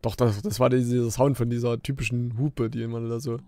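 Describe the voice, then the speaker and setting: A man giving casual gameplay commentary as a Let's Play host, chatty and grumbling, with jumpy bursts of excitement during fights. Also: medium pitch, fairly quick, slight background noise. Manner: chatty, grumbling and joking at the game.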